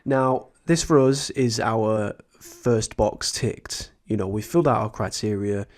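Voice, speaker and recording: A man talks through his trading method in a chatty, earnest tutorial, restarting phrases now and then. His voice sits fairly low and sounds a little croaky from a sore throat. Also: measured pace. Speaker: trading educator, channel host.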